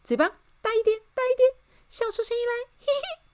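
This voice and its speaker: A bubbly, giggly young woman chirps and coaxes, as a storyteller puts her on. Her voice sits very high and bounces all over. It is a lively children's story. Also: brisk. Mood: coaxing.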